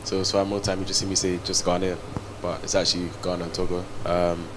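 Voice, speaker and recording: Young man, very low pitch, south London accent, casual guest talk, faint noise. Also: little pitch movement, brisk. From Peckham and Croydon, south London, England. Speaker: interview guest. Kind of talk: casual interview chat.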